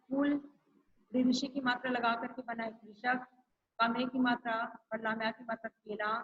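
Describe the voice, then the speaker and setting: A woman's voice: a little high, muffled recording. A woman teacher giving an online grammar lesson to schoolchildren, repeating each rule and example. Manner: slow, repeats each point and example for pupils.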